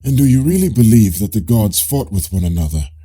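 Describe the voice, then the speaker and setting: A man reads a Greek philosopher's part in an audiobook dialogue, his male voice deep, very dark, and husky-edged. Animated yet measured, he asks probing questions with polite irony.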